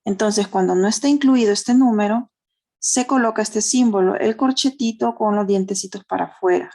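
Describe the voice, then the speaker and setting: A woman's voice: mid-range voice, normal speed, mellow. A woman with a Honduran Spanish accent teaching a math class online, explaining step by step and checking in with tag questions. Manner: uses diminutives.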